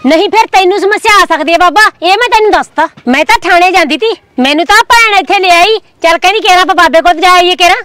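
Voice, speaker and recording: A woman playing a fiery, fast-talking village wife. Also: very high-pitched, a bit bright, dry recording. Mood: threatening. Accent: Malwai Punjabi. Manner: quick, threatening, hot-tempered.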